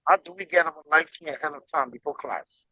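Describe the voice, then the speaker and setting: A man's voice: a little high, a little fast, dry recording, lo-fi sound. A man from Liberia, a student asking a question and rephrasing it again and again. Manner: repeats and rephrases his question.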